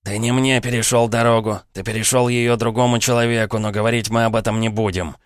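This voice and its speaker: A man's voice: medium pitch, level tone, a little fast, no room sound, studio quality, pitched above the performer's own voice, close to an everyday voice. A man voicing a vicious, jumpy armed bandit who snarls and barks orders in a storybook reading. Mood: cold menace.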